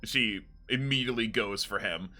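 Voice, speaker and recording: A man running a tabletop game as game master, narrating scenes in a relaxed, storytelling way. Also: on the low side, normal speed.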